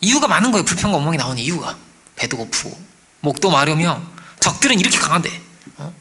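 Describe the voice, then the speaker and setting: A man preaching a sermon as pastor, animated, asking the congregation for agreement and acting out quoted voices. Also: a little high, fast talker. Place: church.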